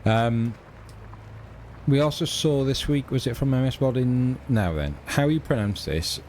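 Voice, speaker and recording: This Welsh host, middle-aged, talks at medium pitch with an animated yet measured delivery and a darkish tone. His gameplay commentary is casual and hesitant, full of ums and restarts, over a faint hiss or hum.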